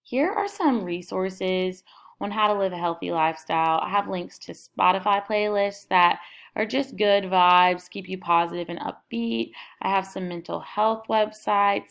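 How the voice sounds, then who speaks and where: Young woman narrating a screen recording, gravelly fry. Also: medium pitch. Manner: casual, upbeat listing of items. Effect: screen recording voice-over. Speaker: student presenting her class website.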